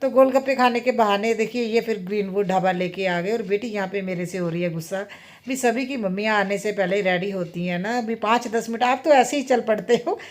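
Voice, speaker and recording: A woman's voice: mid-range voice, brisk. A woman in her thirties chatting casually in a home vlog, rambling and often adding tag questions. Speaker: vlogger and mother.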